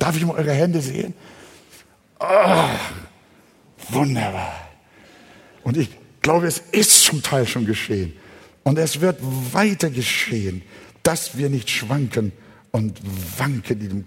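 Husky-voiced preaching man, church reverb. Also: medium pitch. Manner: emphatic preaching, swelling to loud passionate stretches; addresses the congregation with direct questions. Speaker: pastor. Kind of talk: sermon to a congregation. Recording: long church hall reverb.

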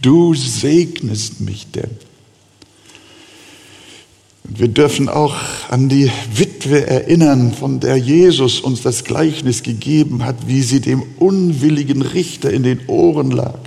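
Pastor, male, slow deliberate preacher pleading with his flock; church hall echo. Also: medium pitch, creaky, dark tone. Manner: earnest, pleading preaching with slow emphatic pauses. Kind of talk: sermon.

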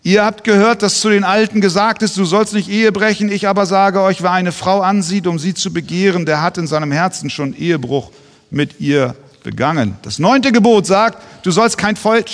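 A man's voice: high-pitched, long reverb tail. A man preaching a sermon as pastor, earnest and pressing his listeners with pointed rhetorical questions.

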